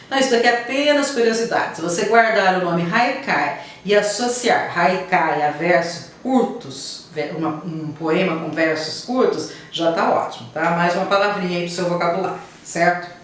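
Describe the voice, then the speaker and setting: A woman's voice: fairly low pitch, slight background noise. A woman teacher giving a lesson, explaining patiently and often checking in with her pupils. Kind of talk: online class lesson. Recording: very echoey room, voice from a distance.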